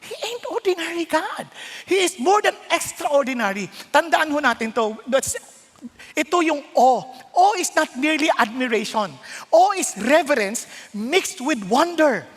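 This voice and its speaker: A man preaching a sermon, animated and questioning his listeners, slipping into quoted voices. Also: extremely high pitch, unhurried, in a large hall.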